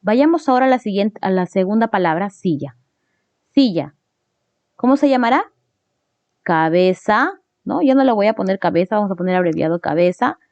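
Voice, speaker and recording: A woman's voice: medium pitch, animated, normal speed, long pauses, a little mellow, dry recording. A woman teacher explaining a grammar lesson step by step, often checking in with tag questions. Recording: dull lo-fi recording.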